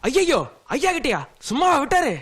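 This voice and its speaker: A cheeky comic helper. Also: male voice, very high-pitched, animated, a bit bright. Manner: quick-tongued, mock-agreeable. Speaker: film character. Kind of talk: film comedy acting.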